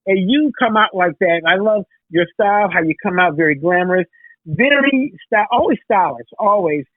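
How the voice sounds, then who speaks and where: A woman's voice: on the low side, lively intonation, normal speed, no room sound. A woman hosting an interview in a casual chat, giving compliments and asking long, rambling questions. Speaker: interview host. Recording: dry phone-like line.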